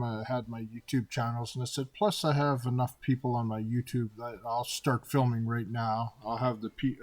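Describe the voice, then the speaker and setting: A man in his fifties from Canada, telling personal stories in a casual monologue and acting out both sides of the dialogue. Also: mid-range voice. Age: 50s. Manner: animated retelling, acting out dialogue with repeated "and I said".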